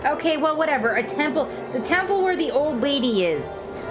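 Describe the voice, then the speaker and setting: A woman streamer chatting casually through her gameplay, dry and self-mocking. Her voice is high and jumps around a lot in pitch. Game music plays steadily in the background. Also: expressive, normal speed.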